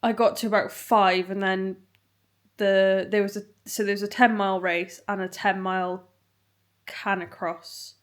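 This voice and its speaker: A woman's voice: mid-range voice, little pitch movement, measured pace. A British woman chatting casually as a vlogger, sounding tired and rambling a little. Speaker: running vlogger. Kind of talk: casual chat to camera.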